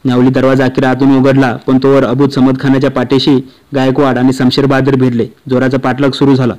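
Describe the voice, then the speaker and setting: A man reading a historical novel aloud in a steady, unhurried manner. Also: medium pitch, low-quality recording. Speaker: audiobook reader.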